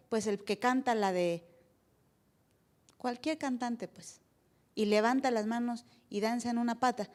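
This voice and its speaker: Mexican woman pastor, high-pitched, playful sermon delivery, throws questions at the congregation. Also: darkish tone. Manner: playful, asks the congregation questions, acts out little dialogues. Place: church service before a congregation.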